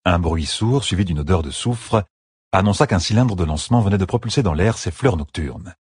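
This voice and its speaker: A man narrating a fantasy battle audiobook with steady, dramatic storytelling. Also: low-pitched, brisk, slightly rough, dry recording, studio quality.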